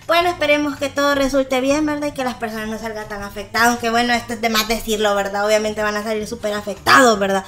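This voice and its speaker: A woman's voice: on the high side, little pitch movement, fast talker, hardly any pauses, fairly bright tone. A woman with a Salvadoran accent hosting a gossip channel, chatting casually and laughing often. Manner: chatty, laughs often, keeps tagging "¿verdad?".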